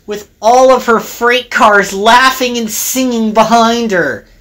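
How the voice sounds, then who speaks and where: Slow sing-song woman narrator, storybook read-along; fairly high voice. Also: a bit bright.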